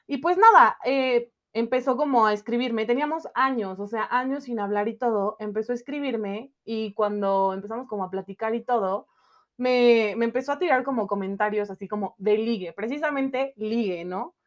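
A young Mexican woman tells a story on a podcast in relaxed, slangy talk, piling on fillers as she goes. Her voice sits a little high, and the recording sounds slightly dull and muffled. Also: normal speed. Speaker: podcast co-host. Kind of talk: casual chat.

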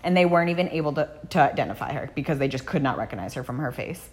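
A woman's voice: low voice, animated, rapid-fire, slight background noise. A woman hosting a true crime podcast, telling the case in a casual, blunt way with frequent swearing. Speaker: podcast host.

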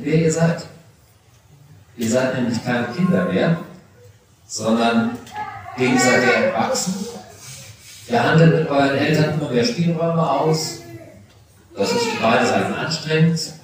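A man's voice: on the high side, noisy background. A middle-aged man preaching a confirmation sermon, speaking personally and directly to teenagers. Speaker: pastor. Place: church. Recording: echoey church recorded from a distance.

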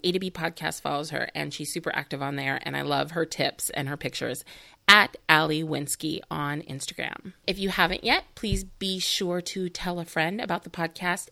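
A woman's voice: deep voice, creaky, sharp tone. Scratchy-voiced woman podcast co-host. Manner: chatty, teasing, self-deprecating. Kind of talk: casual podcast chat.

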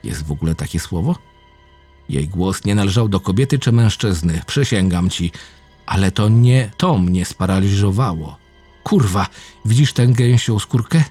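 A husky, low-voiced man reads a first-person horror story, his pitch rising and falling sharply as the tension builds. Faint music plays behind him. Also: animated, normal speed, darkish tone. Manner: low, intense storytelling with dramatic swings. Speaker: narrator.

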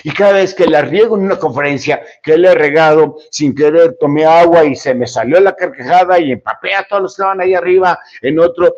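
Mexican guy in his 50s, kinda breathy voice, reflective pep talk, lo-fi sound. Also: fairly high pitch, a little mellow. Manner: reflective, self-deprecating, with rhetorical questions. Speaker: podcast host. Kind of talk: motivational podcast monologue.

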